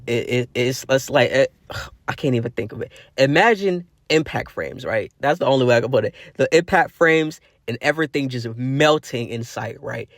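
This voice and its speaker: A man's voice: mid-range voice, fairly bright tone, no room sound. A young man casually improvising a fan story, rambling through lots of fillers and restarts.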